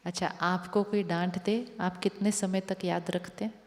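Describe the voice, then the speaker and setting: Woman spiritual teacher talking slow in an echoey hall, keeps asking the crowd the same questions. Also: on the low side, fairly even intonation, a little mellow. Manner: repeats rhetorical questions to the audience. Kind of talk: spiritual discourse to an audience. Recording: long hall reverb.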